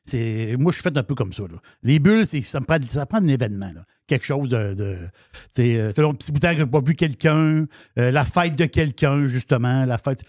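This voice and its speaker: A man's voice: mid-range voice, animated, fairly quick, a little mellow, no room sound. Chatty Québécois man, dry close sound. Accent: Québécois French. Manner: chatty, restarts often, repeats words. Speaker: wine columnist. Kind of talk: casual radio chat.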